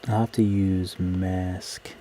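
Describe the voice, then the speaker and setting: A man's voice: low-pitched, flat delivery, slow pace, mellow. A man casually talking through his work on a live stream, muttering to himself in trailing fragments close to the mic. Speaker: live streamer, digital artist. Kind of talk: casual live-stream commentary while working. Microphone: close microphone. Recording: clear background noise.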